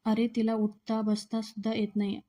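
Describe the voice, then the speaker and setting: Fretting, scolding mother, read flatly by a woman recapping a serial; low-key and dark-toned. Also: normal speed, lightly acted. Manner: pleading, scolding in plain read-aloud tone. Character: worried middle-aged mother scolding her son.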